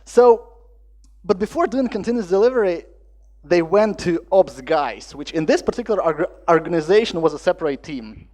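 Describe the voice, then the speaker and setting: High-voiced man giving a tech talk. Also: normal speed. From Latvia. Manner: lively storytelling with acted-out dialogue and non-native phrasing. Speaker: conference speaker. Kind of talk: conference talk.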